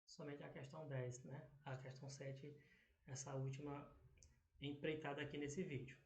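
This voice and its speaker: Brazilian guy teacher, kinda high voice, keeps saying "tá?" and "né?", roomy echo. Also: level tone, normal speed, darkish tone. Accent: Brazilian Portuguese. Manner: filler-heavy, frequent "tá?" and "né?" checks. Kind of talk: exam question walkthrough.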